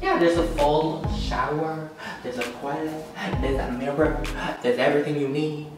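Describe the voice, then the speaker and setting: Touring his big empty apartment for a casual vlog, a twenty-something beauty vlogger from Washington State gushes with bubbly, sassy exclamations. His fairly high voice stays steady at normal speed. Shot on a handheld camera at arm's length and a far camera, the room is very echoey, the mic distant, with background music.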